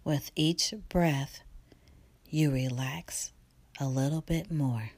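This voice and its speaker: A woman guiding a relaxation meditation in a soft, slow, partly whispered delivery. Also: deep voice, no echo. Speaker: meditation guide.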